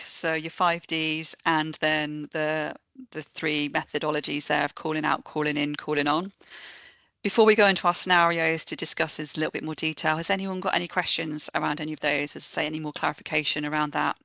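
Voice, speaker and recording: A woman's voice: low voice, steady tone, moderate pace, gravelly, sharp tone, no room sound. A woman presenting an online training session in a friendly, lightly joking way. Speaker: webinar presenter.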